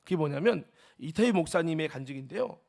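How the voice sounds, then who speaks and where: A man's voice: fairly high pitch, animated, a little fast, creaky, a little mellow. A male pastor preaching a sermon, telling a story and building up to impassioned, rising cries.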